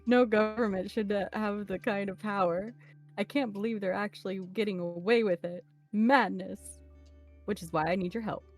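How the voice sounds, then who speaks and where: A woman's voice: medium pitch, steady tone, normal speed, soft background music, natural voice. A woman reading a desperate, pleading fugitive. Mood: ranting. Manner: urgent, pleading, ranting. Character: desperate adult fleeing government seizure. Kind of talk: reading game dialogue aloud.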